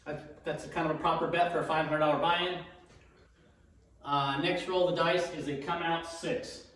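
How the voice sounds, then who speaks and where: A man with a cold gives casual, halting play-by-play of a dice betting demonstration, often repeating his calls. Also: on the high side, fairly even intonation, a bit bright. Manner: halting, self-narrating, repeats each call. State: has a cold, throat-clearing. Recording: very echoey room, distant mic.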